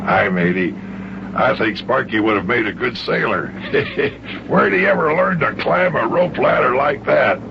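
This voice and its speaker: A man playing a gruff but genial old sea captain with a gravelly, folksy voice in a children's radio serial. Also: medium pitch, unhurried. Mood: encouraging. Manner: folksy, teasing, nautical. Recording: noisy, muffled old radio recording.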